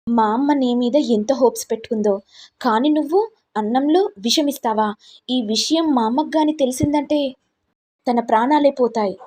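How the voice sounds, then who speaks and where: A harsh young husband in a family tale, firing off rapid accusations, as a woman storyteller puts him on. The voice sits fairly high, with a soft, husky tone. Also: close to an everyday voice.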